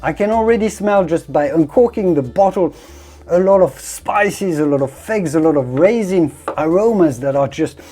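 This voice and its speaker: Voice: mid-range voice, lively intonation, moderate pace, warm tone, soft background music. A wine connoisseur presenting a tasting in an effusive, descriptive way, leaning on emphatic superlatives. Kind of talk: presenter-style product review and tasting commentary.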